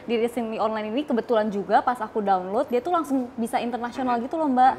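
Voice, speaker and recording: A woman guest telling her story in a lively, chatty way, slipping into English phrases. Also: on the high side, quick pace, slight background noise. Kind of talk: casual interview chat.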